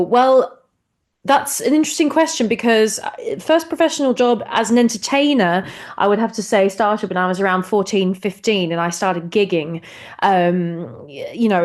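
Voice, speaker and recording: A woman talks as a guest on a podcast, at a middling pitch. She is bubbly and expressive and laughs easily as she tells her story. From New Zealand. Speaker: actress and singer, guest. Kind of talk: casual interview chat.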